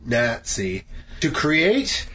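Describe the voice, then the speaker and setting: A man's voice: medium pitch, extremely slow, husky. Laughing sarcastic man reviewing movies. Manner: laughing, sarcastic, animated retelling. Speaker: podcast co-host. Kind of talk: casual movie review chat. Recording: dull lo-fi podcast audio with faint hiss.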